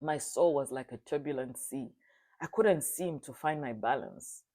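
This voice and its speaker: A speaker from Zambia giving an earnest, solemn personal testimony, sometimes halting and restarting. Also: mid-range voice, darkish tone. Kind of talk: reflective spoken testimony.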